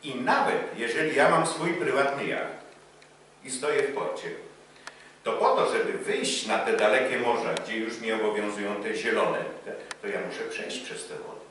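A man's voice: mid-range voice, animated, normal speed, a bit bright, a little hiss or hum. A middle-aged man gives a lecture on sailing qualifications in front of a projection screen, with many hesitation fillers. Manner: talks with many fillers, gesturing and pointing at the screen. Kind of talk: lecture with slides. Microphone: far camera, no visible mic. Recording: echoey lecture room from far off.

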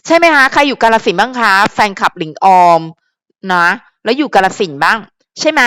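A young woman hosting a fan channel, chatting casually and at length to her viewers in a rambling, animated way full of fillers. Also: on the high side, no echo.

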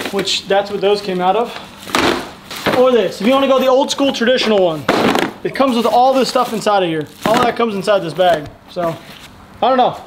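A young man hosting a fishing video, enthusiastically pitching tackle bags to the camera in a garage. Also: noisy background. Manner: enthusiastic, rapid salesy talk. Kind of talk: casual product pitch to camera. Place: indoor garage tackle room.

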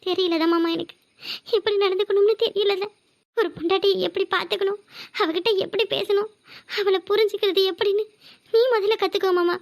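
A very high, quick cartoon wife, voiced by a woman, in a Tirunelveli Tamil accent. She is young, wounded and reproachful, pleading with her husband and turning defiant. Her lines come in fast, squeaky bursts. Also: fairly even intonation. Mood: hurt. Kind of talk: cartoon voice acting.

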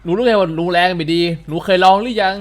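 A man role-playing a crude, teasing old uncle in a game, trading quick coarse banter. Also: high voice. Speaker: streamer playing a character.

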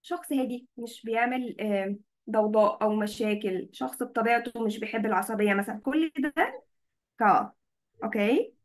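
A woman's voice: on the high side, a little fast. A woman with an Egyptian accent teaching English vocabulary in an online class. She switches between Arabic and English and often checks that students follow.

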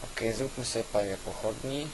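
A man giving casual, halting gameplay commentary, thinking aloud as host on an old weak microphone. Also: mid-range voice. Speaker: gaming video host. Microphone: old cheap weak microphone. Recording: constant hiss from weak microphone.

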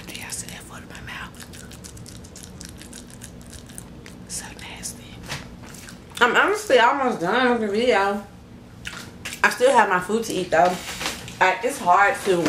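A woman's voice: fairly low pitch, fairly bright tone, reverberant, a little hiss or hum. A young woman, a new mom, rambling in a casual mukbang-style vlog to her channel, full of fillers and asides, recorded on a phone or camera. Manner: rambling, filler-heavy talk. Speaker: vlogger. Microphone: phone or camera on a stand.

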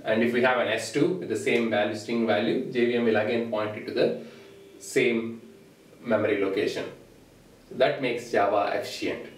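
In a small room at a whiteboard, a male programming instructor whose first language is Telugu lectures at normal speed in a mid-range voice. His delivery is steady and explanatory as he points at the board, and the distant camera mic picks up his voice with an echoey, roomy sound.

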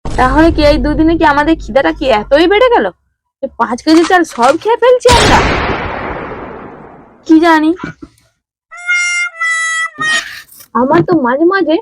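A woman's voice: high voice, animated, normal speed, long pauses, background noise. A woman playing a suspicious, scolding village wife and mother in a comedy skit, nagging and commanding.

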